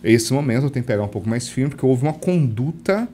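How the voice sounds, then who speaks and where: A man from Brazil, a leadership coach, explaining things quickly and acting out little dialogues as a guest. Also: medium pitch, slight background noise. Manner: quick, lively explainer who acts out dialogue. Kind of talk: casual interview chat.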